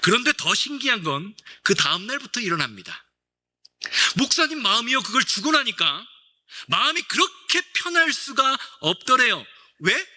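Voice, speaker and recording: A man's voice: extremely high pitch, very animated, normal speed, sharp tone. A male pastor preaching a Sunday sermon, telling a story with acted-out dialogue and questions to the congregation.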